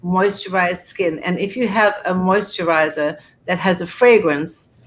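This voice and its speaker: A woman's voice: fairly low pitch, steady tone, measured pace, rough recording. A woman perfumer chatting at an online event, effusive and full of restarts as she describes fragrances. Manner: effusive, piles on words like beautiful and gorgeous; frequent restarts and repetitions. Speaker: perfumer and fragrance brand founder. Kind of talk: casual online event chat.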